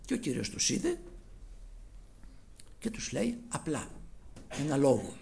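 Gravelly, lively-voiced Greek preacher man. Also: a little hiss or hum. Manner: impassioned, swinging between loud declaiming and low murmuring. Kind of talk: sermon.

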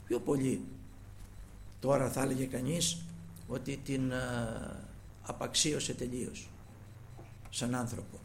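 A man's voice: medium pitch, flat delivery, creaky, pauses often, a little hiss or hum. A man preaching a sermon, earnest and retelling scripture with quoted pleas, often trailing his phrases off to a near-whisper.

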